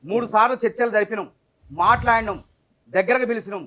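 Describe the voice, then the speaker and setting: A man's voice: high-pitched, fast talker, a bit bright. A man, speaking as a party spokesman in a heated debate who tells a folk parable at length and talks over interruptions.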